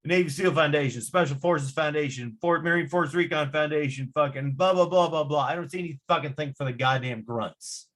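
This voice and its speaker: A man's voice: a little high, fairly quick, hardly any pauses, a bit bright. A man hosting a veterans' podcast, talking casually, swearing a lot, emphatic and heated. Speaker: podcast host. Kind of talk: casual profane chat.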